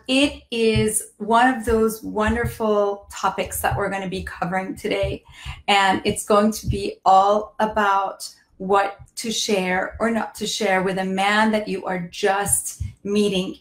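Hoarse woman hosting a live stream. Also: mid-range voice, echoey room, rough recording. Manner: chatty, many fillers and restarts. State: hoarse from laryngitis. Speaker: dating coach and show host. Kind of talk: live-stream talk to viewers.

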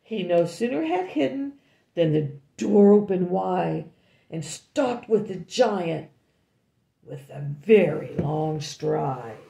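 Older woman, storybook reader for a grandchild, gravelly, chatty asides, roomy echo. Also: on the low side, animated, warm tone. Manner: pauses often to comment and ask the child questions. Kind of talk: reading a picture book aloud. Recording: echoey room.

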